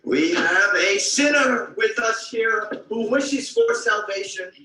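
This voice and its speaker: Fervent young male preacher, bright, slow, echoey film sound. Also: sits high, expressive, exaggerated voice. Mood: commanding. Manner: commanding, ranting, preaching. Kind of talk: film drama. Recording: echoey room in a film clip.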